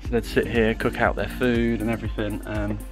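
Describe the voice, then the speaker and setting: A young adult travel vlogger chats casually to a camera held at arm's length, outdoors at a desert rock site and inside a campervan. His voice is on the low side and fairly quick, heard over music, and he sounds relaxed and chatty but hesitant, with loose fillers.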